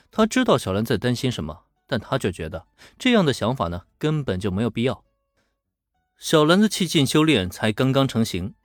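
A man's voice: mid-range voice, no echo, studio quality. A man narrating a serial story in a chatty, colloquial manner. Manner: chatty, animated, colloquial asides. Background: faint background music.

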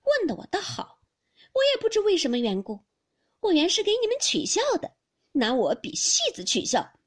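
A woman reading a classic novel aloud, voicing a sharp-tongued, touchy young noblewoman whose reproaches climb high. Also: lively intonation, unhurried. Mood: tearful scornful. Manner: reproachful, pitch climbs steeply.

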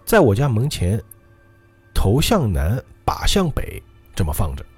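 A lively male podcast co-host with a low, dark voice that swings a lot in pitch. He talks fast with quick, casual reactions, and faint music plays softly behind him. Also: breathy edge. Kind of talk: casual chat, reading listener ghost stories.

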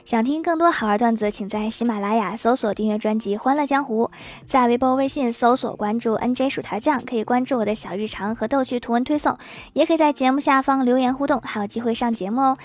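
A woman hosting a comedy podcast, reading out funny anecdotes in a lively, playful way and laughing at her own punchlines. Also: fairly high pitch, fast. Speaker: podcast host.

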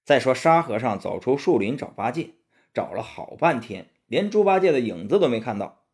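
A male storyteller reading a classic tale for children, his voice swooping up and down with lively expression. The tone is husky, at an ordinary pitch. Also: normal speed.

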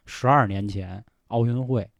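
A man's voice: medium pitch, measured pace, creaky, no room sound, muffled recording. A man hosting a casual podcast chat, frank and reflective, often swearing. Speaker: podcast host.

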